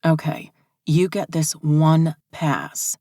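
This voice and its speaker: A woman reading an audiobook, voicing a composed young woman who speaks in a calm, polite but firm way. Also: deep voice, slow pace, no room sound, studio quality, full character voice.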